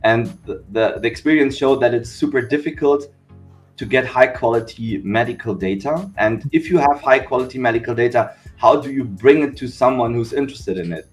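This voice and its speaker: A man's voice: mid-range voice, normal speed, soft background music. A man from Germany, a company founder, explaining his work steadily in a podcast interview. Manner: steady explanatory, repeats "we said okay".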